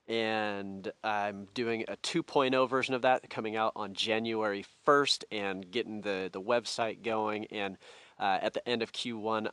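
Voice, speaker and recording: A man's voice: fairly low pitch, bright, forceful tone, no echo. Casual male podcaster, very dry closet sound. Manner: rambling, conversational, informal. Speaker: podcast host. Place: small clothes-filled closet as home studio.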